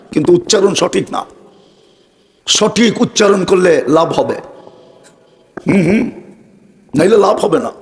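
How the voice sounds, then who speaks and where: A man preaching a sermon, fervent and full of rhetorical questions put straight to his listeners. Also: high voice. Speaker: Islamic preacher. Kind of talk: sermon to a live audience.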